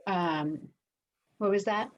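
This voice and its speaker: A woman's voice: medium pitch, slow pace, muffled recording, slight background noise. A woman with a Boston accent hosting an online coaching talk, reflective and searching for her words. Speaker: host and coach. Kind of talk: online lunch-and-learn talk.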